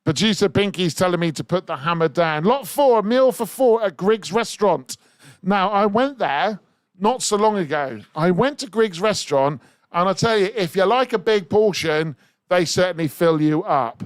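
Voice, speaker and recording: A man's voice: sits high, moderate pace, no echo. A man hosting a live radio charity auction, energetically urging listeners to bid. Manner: energetic, urging bids, rising excitement. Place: radio studio.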